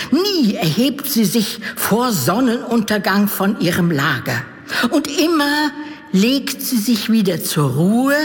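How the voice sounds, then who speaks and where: An actress playing a devoted, superstitious castle nurse, imploring and solemn in archaic speech, in a gothic audio drama. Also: female voice, medium pitch. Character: fearful, pleading old-fashioned castle nurse, devoted and superstitious. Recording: long reverberant hall.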